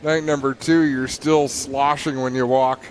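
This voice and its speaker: A man's voice: medium pitch, little pitch movement, unhurried. A man doing motorsport commentary as a race announcer, calling the action play by play. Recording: loud vehicle noise behind voice. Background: loud race car engines.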